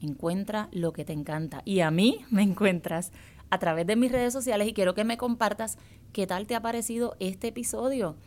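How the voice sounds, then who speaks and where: A woman's voice: mid-range voice, moderate pace, a little mellow. A woman hosting a self-help series, speaking in an encouraging motivational tone and repeating key phrases.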